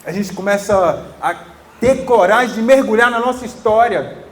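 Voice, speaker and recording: A pastor in his thirties, preaching earnestly and emphatically, dropping to soft tender tones at times. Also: high-pitched, normal speed, slight background noise. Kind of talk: sermon.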